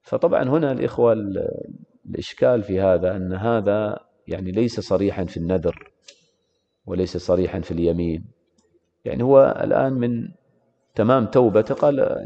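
A man's voice: on the low side, fairly quick, vocal fry, long pauses, warm tone. A man teaching Islamic law in a classroom lecture, repeatedly posing rhetorical questions to his students. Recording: reverberant hall, dull lo-fi sound.

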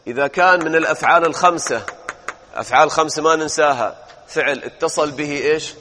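A man teaches grammar to a classroom, rattling off verb forms and firing questions at his students. His voice sits a little high for a man. The room rings with a long echo. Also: fast talker, sharp tone.

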